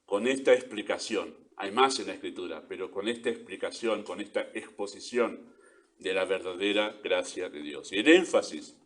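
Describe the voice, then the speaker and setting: Male Argentine pastor, lower register, earnest expository preaching with rhetorical tag questions. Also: normal speed. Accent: Argentine Spanish. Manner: earnest preaching, stresses key words, rhetorical "¿sí?" and "¿no?". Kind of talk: sermon.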